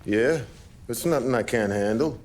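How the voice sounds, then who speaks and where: A man's voice: medium pitch, normal speed, a little mellow, a little hiss or hum, natural voice. An actor playing a wary dockside union man who is eager to please the boss he is talking to.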